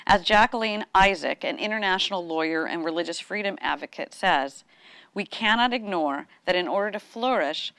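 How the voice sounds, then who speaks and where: A woman's voice: fairly low pitch, fairly bright tone, clean tone, no echo. A woman giving a prepared presentation in an upbeat, promotional way.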